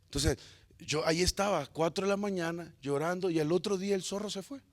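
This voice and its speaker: A male pastor delivers a sermon, weaving a humorous story and shifting between loud and hushed tones. His voice sits high and his pace is brisk.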